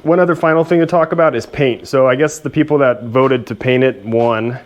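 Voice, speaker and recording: A man's voice: mid-range voice, fairly quick. A man hosting a repair video, talking casually and self-deprecatingly as he works in a workshop. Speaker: host of a machinery repair video. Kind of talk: casual hands-on repair narration.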